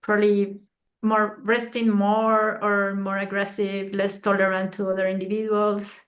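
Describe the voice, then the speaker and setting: Mid-pitched woman moderating a seminar Q&A. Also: completely flat delivery, a little slow.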